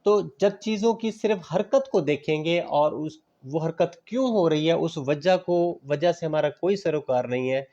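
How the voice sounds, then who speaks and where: A man's voice: fairly high pitch, a little mellow, lo-fi sound. A man giving a classroom lecture on physical education, explaining patiently with everyday examples, mixing in English terms and checking that students understand.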